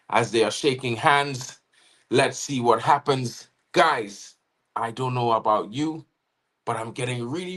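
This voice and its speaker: A medium-pitched man from Trinidad and Tobago, speaking with his native accent, co-hosts a live football watchalong. The chat is casual, dotted with viewer shout-outs and his habitual "you know what I mean."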